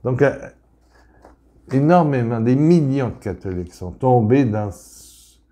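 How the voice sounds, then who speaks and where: Slow, mellow Québécois man preaching. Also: mid-range voice, animated. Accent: Québécois French. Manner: slow, halting, with many restarts and fillers. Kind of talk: informal spiritual talk, reading viewer letters.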